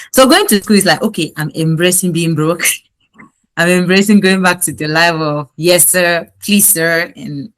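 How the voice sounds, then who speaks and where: A young woman from Cameroon, a graduate student, telling her story in a candid, reflective interview with light laughs. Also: deep voice. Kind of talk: casual interview.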